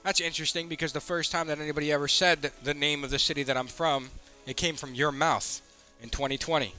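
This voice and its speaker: A man is heated and ranting on a livestream, swearing often as he reads messages aloud. His voice sits a little high and sounds bright and forceful. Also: fairly even intonation, quick pace, soft background music. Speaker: streamer.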